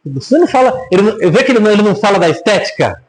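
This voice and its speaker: Higher-voiced Brazilian man preaching conversationally. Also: racing, low-quality recording. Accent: Brazilian Portuguese. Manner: lively, asks the audience rhetorical questions, jokes. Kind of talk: conversational Bible teaching.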